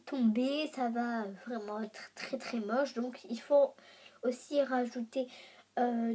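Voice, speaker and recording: A woman's voice: on the high side, a little mellow, slightly rough. A young woman chatting casually in a beauty vlog, her voice nasal and stuffed up from a cold. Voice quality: nasal, congested with a blocked nose from a cold. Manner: chatty, informal, self-deprecating. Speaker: beauty vlogger. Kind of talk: casual chatty vlog, showing homemade makeup.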